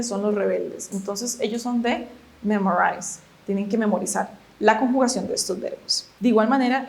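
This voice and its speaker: A fairly high-voiced woman, a native Spanish speaker, leads a video lesson on English grammar. She moves through the rules patiently, one step at a time, and keeps checking that her students follow. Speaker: English teacher.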